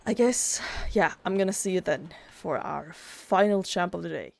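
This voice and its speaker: Chatty woman with a gravelly voice. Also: on the low side, moderate pace, darkish tone. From Sweden. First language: Swedish. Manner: chatty and rambling, full of "like" fillers. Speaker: gaming YouTuber. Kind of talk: casual gameplay commentary.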